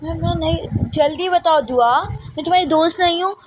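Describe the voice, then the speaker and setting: A woman's voice: very high-pitched, moderate pace, background noise, pitched above the performer's own voice. A woman voicing a pushy young friend who insists, meddles and talks the other girl round. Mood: insistent.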